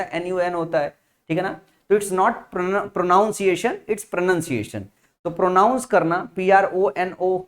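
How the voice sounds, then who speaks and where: Teacher, exam-prep lesson, spells words letter by letter, repeats key points, keeps asking if it is clear. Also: mid-range voice. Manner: spells words out letter by letter, checks in with "theek hai na"; explains with memory tricks, repeating key points.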